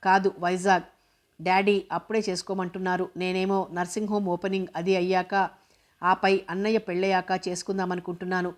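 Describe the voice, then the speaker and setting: Woman reader as a cocky young man, sarcastic edge, low even voice, audiobook. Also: fairly quick, lightly acted. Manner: proud, mildly sarcastic. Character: young man, proud and mocking.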